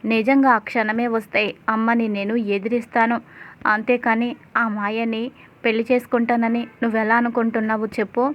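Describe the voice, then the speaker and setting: A woman voicing a protective young husband who reassures his wife quickly and earnestly. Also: on the high side, flat delivery, muffled recording, natural voice. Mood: reassuring.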